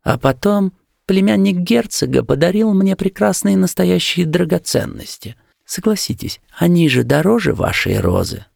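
A man's voice: sits high, sing-song, normal speed, creaky, darkish tone, no echo, studio quality, pitched above the performer's own voice, heavily acted. A man voicing a proud young woman, a professor's daughter, speaking with cold disdain in a storybook reading. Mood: haughty. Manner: haughty, disdainful.

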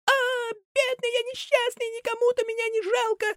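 A reader voicing a crying wooden puppet boy in a very high, squeaky voice, wailing and pleading with mock politeness. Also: flat delivery, moderate pace, a bit bright, dry recording, studio quality. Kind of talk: reading a children's play script aloud.

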